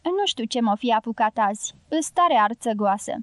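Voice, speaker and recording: A woman reading the part of a strong-willed older woman in an audiobook, gruff and curt in manner, in a dry studio sound. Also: fairly high pitch, lively intonation, no room sound, lightly acted. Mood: gruff, brooding.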